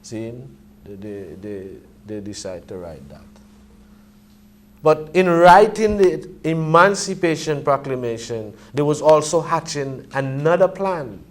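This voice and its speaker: A man reasoning conversationally in Rasta discussion style, pausing for words and often checking that he is followed. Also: fairly high pitch, animated. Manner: hesitant phrasing, often checks with "you see".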